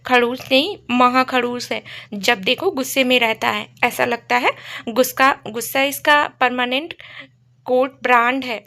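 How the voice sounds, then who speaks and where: A woman's voice: high-pitched, fairly even intonation, unhurried, sharp tone, exaggerated voice. A woman voicing a young female employee who pouts and complains teasingly about her boss. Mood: sulky. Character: sulky playful young office employee woman.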